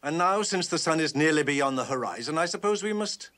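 A man's voice: on the high side, expressive, fairly quick, a bit bright. An actor in his fifties playing a prim, indignant, pedantic schoolteacher with pompous, precise diction in a TV western. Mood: disdainful. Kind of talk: 1960s television western acting.

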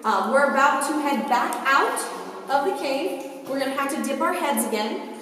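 A woman's voice: high-pitched, lively intonation, normal speed, a bit bright. A woman giving a casual, chatty guided tour inside a cave, recorded from a distance with a strong cave echo. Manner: casual, chatty, frequent fillers. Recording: echoey cave from far off.

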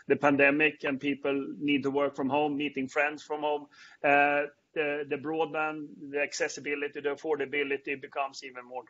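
Man with a Swedish accent, halting. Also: mid-range voice, fairly bright tone. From Sweden. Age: middle-aged. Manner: halting, many fillers and restarts. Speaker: panel host. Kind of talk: video-call panel talk. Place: indoors before a branded backdrop. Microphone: earbuds on a video call. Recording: dull lo-fi video-call audio.

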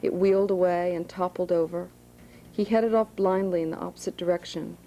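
Low gravelly woman reading aloud. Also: fairly even intonation, warm tone, slight background noise, low-quality recording. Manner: plain, unhurried reading with asides. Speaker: author reading her novel. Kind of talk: reading a novel aloud to students. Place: high school room.

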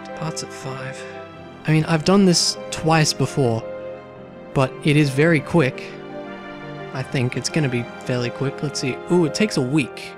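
A man with a fairly high voice reads a text adventure aloud, slipping into wry, relaxed asides. Faint game music runs underneath the whole time. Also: unhurried. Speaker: let's play host.

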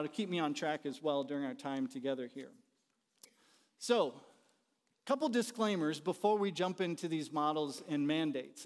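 Addressing an audience in a large church auditorium from up front by the stage, a middle-aged American man with a slightly high voice gives a relaxed, conversational teaching talk full of questions to listeners. Born in the US and partly raised in Haiti, he is a university dean, teacher and conference speaker; the hall reverberates.

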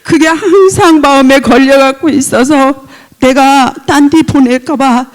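High-voiced woman speaking tearfully. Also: a little slow. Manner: tearful, pleading. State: crying. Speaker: seminar participant. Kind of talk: emotional healing role-play.

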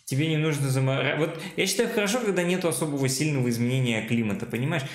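A young man talks casually and colloquially, as if reacting to a show with a friend. His voice sits at an average pitch. The room around him adds noticeable echo. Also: rapid-fire. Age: young adult. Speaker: reaction video host. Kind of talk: casual chat, reacting to a cartoon. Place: indoor room at home. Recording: roomy, echoey home recording.

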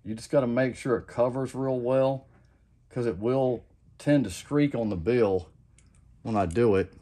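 At his home workbench, a middle-aged man who makes custom lures walks through a casual how-to, his mid-range voice at a measured pace. He rambles, keeps saying "like I said," and sounds relaxed and plain-spoken.

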